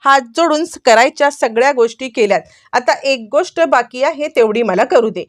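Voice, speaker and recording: A woman's voice: sits high, moderate pace, natural voice. A woman voicing an affectionate, teasing young husband in a retold TV story, barely changing her voice. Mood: coaxing.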